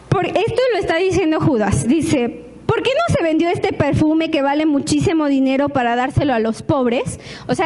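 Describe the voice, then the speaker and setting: A woman pastor, preaching a lively sermon to her congregation with frequent rhetorical questions. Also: sits high.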